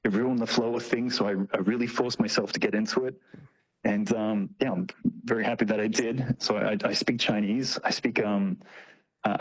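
A tour operator appearing as an interview guest, this man has a lowish, slightly rough voice, captured on poor audio. He explains things and tells anecdotes in a loose, slangy, conversational way, acting out short quotes.

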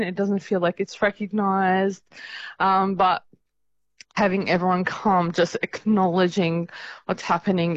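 A woman's voice: fairly low pitch, no room sound. A young woman from the Middle East speaking in a radio interview, earnest and hesitant with many fillers. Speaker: interview guest, fundraiser organiser. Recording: dull lo-fi sound.

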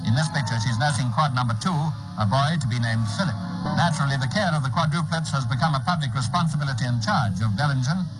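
A man's voice: medium pitch, fast talker, low-quality recording. Give me a 1950s newsreel announcer man. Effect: old newsreel soundtrack. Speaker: newsreel narrator. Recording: old newsreel audio with loud music behind. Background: loud music.

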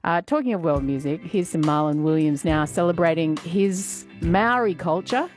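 A woman's voice: fairly low pitch, lively intonation, moderate pace, faint music behind. An Australian woman hosting a radio show, chatting casually and upbeat with frequent fillers. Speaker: radio host. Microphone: studio microphone.

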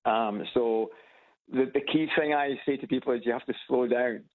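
A man with an Edinburgh Scottish accent calls in to a radio show for a casual chat, hesitating, repeating words, and chuckling at his own stories. His voice is mid-range with fairly even intonation and normal speed, coming over a tinny phone line on loudspeaker with slight background noise.

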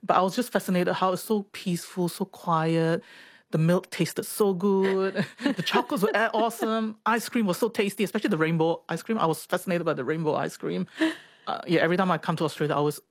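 A woman's voice: fairly low pitch, fairly even intonation, a little fast, dry recording, clean studio sound. Chatty woman in her forties. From Singapore. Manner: chatty, reflective, laughs often, repeats words. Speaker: interviewee, doctor. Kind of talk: reflective personal storytelling.

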